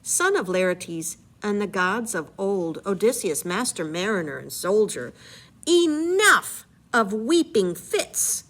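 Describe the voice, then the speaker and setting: A woman's voice: mid-range voice, sing-song, slow pace, a bit bright, exaggerated voice. A woman voicing the immortal enchantress Circe, reading her lines aloud in a raised, dramatic way. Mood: commanding.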